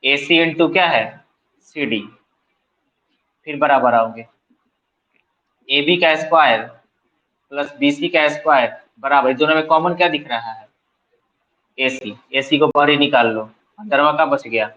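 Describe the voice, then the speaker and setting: A male math tutor with a Bihari accent talks through a lesson in a coaching classroom, voice a little higher than most men's. He keeps quizzing students and answering himself, slipping English terms into casual Hindi. The recording sounds slightly muffled and lo-fi. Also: measured pace, pauses often, bright, forceful tone. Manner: asks students questions and answers them himself.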